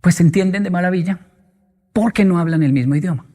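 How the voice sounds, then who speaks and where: A man's voice: high-pitched, quick pace, mellow. A man giving a motivational talk with humorous anecdotes, answering audience questions and acting out quoted voices and sounds. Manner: playful storyteller, acts out quoted voices and sounds. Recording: long hall reverb.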